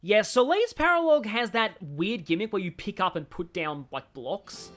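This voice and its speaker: Over soft background music, a woman streams a game live and chats with her viewers, thinking aloud in a rambling, opinionated style. Her medium-pitched voice is expressive, at a normal speed.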